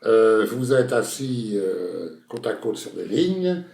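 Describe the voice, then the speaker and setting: A man's voice: fairly low pitch, big pitch swings, slow, creaky, a little mellow. A man hosting a comic quiz show in a playful announcing manner, rejecting answers with mock seriousness. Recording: roomy echo.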